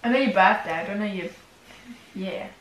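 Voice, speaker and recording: A woman's voice: medium pitch, moderate pace, fairly bright tone. A young woman co-hosting a casual eating vlog and teasing her co-host as they chat. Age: young adult. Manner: teasing, joking. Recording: echoey room with faint noise.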